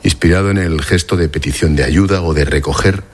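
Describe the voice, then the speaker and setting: A man's voice: very deep voice, brisk. A man interviewing guests with direct, probing questions in a broadcast interview.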